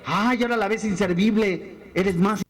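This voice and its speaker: A male pastor with a strikingly high voice, preaching with fire. He drives his sermon along with pointed rhetorical questions. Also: normal speed.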